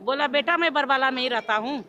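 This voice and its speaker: Woman devotee, high and bright voice, recounts a personal testimony and acts out the dialogue she remembers. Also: fast, lo-fi sound.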